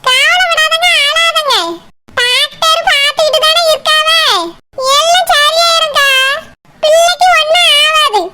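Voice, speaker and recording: A woman's voice: very high-pitched, steady tone, unhurried, exaggerated voice. A woman voicing a younger village woman who comforts a friend, speaking with a Kanyakumari Tamil accent. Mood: consoling. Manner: comforting, reassuring. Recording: loud background noise.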